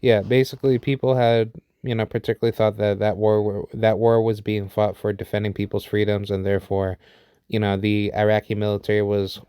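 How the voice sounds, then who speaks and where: A man's voice: on the low side, level tone, brisk, mellow, smooth, dry recording. A man in his thirties from the United States giving an unscripted opinion monologue. He rambles, with many fillers and restarts. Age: 30s. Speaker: vlogger sharing opinions.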